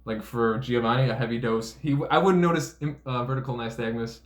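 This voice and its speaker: Man, police officer, casual explainer, blunt and profane, medium pitch, roomy echo. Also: steady tone, brisk. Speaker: police officer breaking down a DUI arrest video. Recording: roomy echo, faint background noise.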